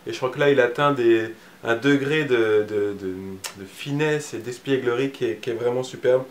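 A man's voice: mid-range voice, moderate pace, roomy sound. Man, bookseller, casual read-aloud, hesitant, filler words, playful tone. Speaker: bookseller reading a picture book aloud.

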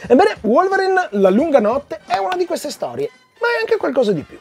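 A man in his forties reviews comics for video, chatting conversationally and speaking directly to viewers from a small indoor room lined with comic shelves. His voice is very high and creaky, swings hugely in pitch, and moves fairly quickly over background music.

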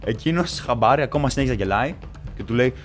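Animated man telling a story. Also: mid-range voice, soft background music. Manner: animated, casual, swearing, acts out scenes. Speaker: vlogger. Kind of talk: story time vlog.

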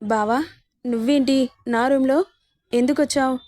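A young woman betrayed by her own family, outraged and pleading, read by a woman narrator in her own voice. The voice sits fairly high and sounds close and dry. The reading is plain storytelling rather than a full character voice. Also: fairly even intonation, normal speed, darkish tone, no echo, natural voice. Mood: distressed.

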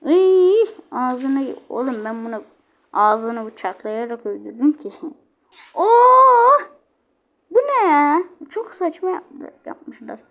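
A woman talking through her own game play as a let's-play host, chatty and exclaiming, quickly annoyed when the game goes wrong. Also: on the high side, lively intonation. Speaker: gaming channel host.

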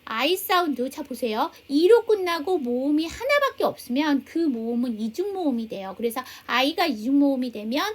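A middle-aged woman teaches a beginner English class. Her voice sits a little high, and she explains patiently, slowing down to spell out each letter. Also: very animated. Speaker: English teacher at a seniors' welfare center. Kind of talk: classroom lesson.

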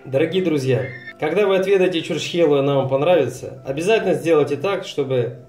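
A man's voice: on the high side, fast talker, darkish tone, soft background music. Echoey Odesa-accented man narrating a recipe. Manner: folksy, chatty, addresses viewers directly. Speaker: cooking show host. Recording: roomy echo.

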